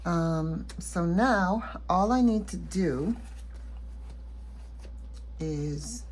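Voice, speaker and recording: A woman casually walking through her savings challenges in a planner vlog, relaxed and chatty with many fillers, tired and yawning late at night. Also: fairly low pitch, drawn-out words, a little hiss or hum. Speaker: planner and budgeting vlogger. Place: at home at night.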